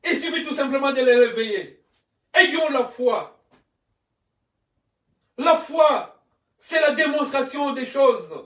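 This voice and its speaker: A man from Congo preaching an impassioned sermon as a pastor, fervent and often shouting in repeated declarations. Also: extremely high pitch, lively intonation, takes it slowly, long pauses, reverberant, far from the mic. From Congo (DRC).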